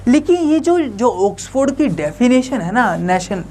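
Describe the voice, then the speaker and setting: A man's voice: extremely high pitch, big pitch swings, measured pace, darkish tone, slight background noise. A young man teaching an online lecture in a conversational way, often asking the viewers rhetorical questions.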